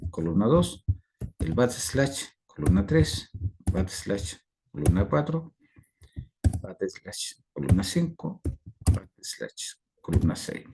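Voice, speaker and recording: Low-voiced Chilean man teaching online. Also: very animated, slow pace, gravelly, long pauses, background noise. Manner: rambling, full of fillers, checks with "¿cierto?". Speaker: instructor. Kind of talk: online class walkthrough.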